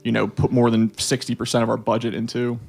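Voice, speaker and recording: Laid-back young male musician, gravelly. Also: medium pitch, completely flat delivery, quick pace, a little mellow. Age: young adult. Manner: laid-back, hesitant, many fillers. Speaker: guest musician. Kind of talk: casual radio interview.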